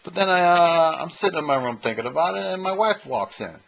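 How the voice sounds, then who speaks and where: A man in his fifties, an amateur comedian and impersonator, delivers a rambling, self-mocking stand-up monologue to a camcorder in his own room. His voice is a little high, creaky, and a bit bright, his delivery brisk and animated. The handheld camcorder mic gives dull audio with slight background noise.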